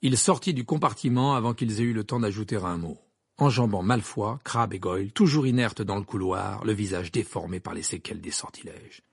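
Gravelly, husky male audiobook narrator. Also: on the low side, fairly quick, no echo, studio quality.

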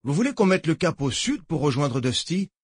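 A man's voice: fairly high pitch, very animated, moderate pace, slightly rough, dry recording, pitched above the performer's own voice. A man voicing an easygoing male helicopter pilot talking matter-of-factly.

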